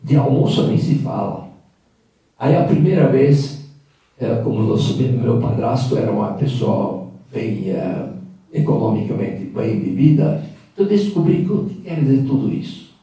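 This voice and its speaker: A man's voice: mid-range voice, lively intonation, mellow. Older man in an echoey hall. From Hungary. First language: Hungarian. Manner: reflective, halting with fillers. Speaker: guest speaker. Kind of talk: personal storytelling talk. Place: event hall. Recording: echoey room from a distant mic.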